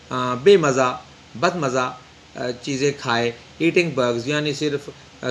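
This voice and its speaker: A medium-pitched man teaches a lesson from an English textbook, reading the English slowly and explaining it in Urdu, pausing often. There is slight background noise.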